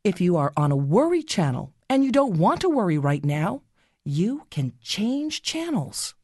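Slow, expressive woman guiding a children's meditation. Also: fairly low pitch, slightly rough, no echo, clean studio sound. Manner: slow, soothing, gently instructing. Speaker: guided relaxation narrator for children. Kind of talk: scripted guided meditation story.

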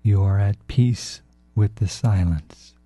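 A man narrating a guided relaxation in a soft, hushed, calm and unhurried way, as a meditation guide. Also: fairly low pitch. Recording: dull, roomy, echoing sound.

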